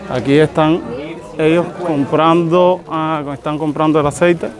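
A man's voice: fairly high pitch, fairly even intonation, a little slow, crowd noise. A man in his thirties with a Cuban accent, casually narrating a vlog into a phone at arm's length. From Cuba. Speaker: vlogger. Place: outdoors in street and open market. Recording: busy street and market noise behind.

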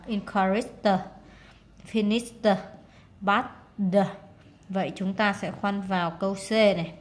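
A woman teaching English to pupils, working through a test in a casual way with many fillers and translating each word. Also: medium pitch. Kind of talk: exam walkthrough lesson.

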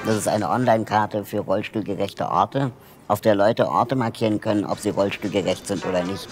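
A man's voice: lowish voice, a little fast, music in the background. A man explaining a project and lecturing students in a hall, talking thoughtfully with frequent hesitation fillers. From Germany. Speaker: social project founder giving a lecture.

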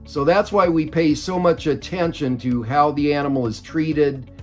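Over a video call from his home study, an older company executive answers interview questions at length, measured and explanatory and full of fillers. His voice is fairly high and a little mellow, picked up by a webcam mic, with soft music in the background.

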